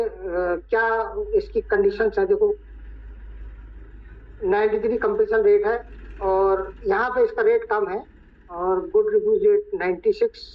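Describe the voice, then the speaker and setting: Hoarse male trainer, high voice, walks viewers through a screen step by step; dull lo-fi sound. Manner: talks viewers through each step, repeating "look". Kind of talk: screen-share tutorial. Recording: dull lo-fi recording.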